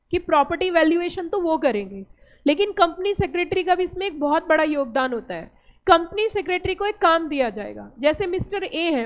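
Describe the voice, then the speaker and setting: High-voiced Indian woman teaching a class. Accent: Indian English. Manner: explains step by step, asks the class questions. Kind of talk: classroom lecture.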